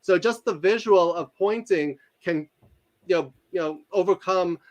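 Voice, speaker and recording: A man with a New York accent, a guest author and teacher, talking fast and explaining with examples in a casual interview. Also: high-pitched, lo-fi sound.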